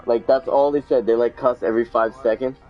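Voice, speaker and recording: A man's voice: medium pitch, steady tone, brisk, dull audio, soft background music. A young man chatting casually while playing a video game, rambling and swearing often. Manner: swears a lot, rambling and laughing. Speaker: gamer. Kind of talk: casual let's-play chat.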